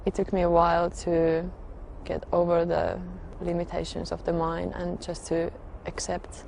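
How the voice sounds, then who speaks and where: A soft-spoken woman tells her own story slowly and haltingly, pausing often to find her words. Her voice sits fairly low and stays quite flat in pitch. A faint hum of room noise lingers behind her. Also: gravelly. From Finland. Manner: hesitant, halting, with frequent pauses and fillers. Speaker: religious convert sharing her story. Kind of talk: personal testimony.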